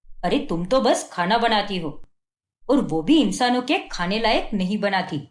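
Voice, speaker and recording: A woman's voice: medium pitch, animated, measured pace, roomy sound, close to an everyday voice. A woman voicing a fault-finding young husband in a cartoon, scolding and contemptuous. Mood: scornful. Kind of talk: Hindi cartoon dubbing.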